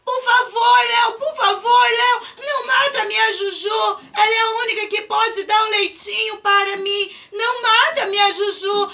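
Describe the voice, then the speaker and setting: A desperate little boy, sobbing and shouting in a high, bright voice as he begs for his pet lamb, put on by a woman telling a children's story. He cries out at the top of his lungs, heard from a little way off the mic. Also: steady tone, moderate pace, hardly any pauses, recorded from a distance, exaggerated voice. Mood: pleading. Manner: crying, pleading, calling out loudly. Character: young boy shepherd, desperate and tearful.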